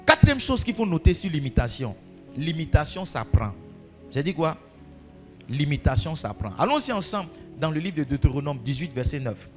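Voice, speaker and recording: A pastor with a fairly high voice preaches to his congregation. His pitch swings widely as he repeats his points and asks questions. Soft music plays underneath. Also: very animated, normal speed, big-room sound. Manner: repeats key phrases for emphasis. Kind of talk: sermon.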